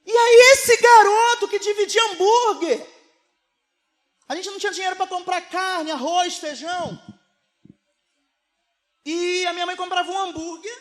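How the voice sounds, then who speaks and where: A man from Rio de Janeiro with a Carioca accent preaching a sermon to a live congregation, moving between hushed storytelling and shouted exhortation. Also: very high-pitched, steady tone, unhurried, long pauses. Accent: Carioca Brazilian Portuguese. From Rio de Janeiro, Brazil. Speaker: pastor. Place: church service before a live congregation.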